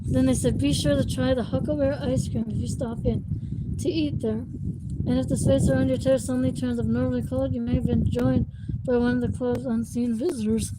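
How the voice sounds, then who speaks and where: A woman with a high voice reads ghost stories aloud for her viewers. She stumbles, restarts and breaks off for chatty asides. Loud noise runs under the recording. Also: level tone, fairly quick. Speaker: host reading ghost stories to a live stream chat. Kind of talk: casual read-aloud with asides.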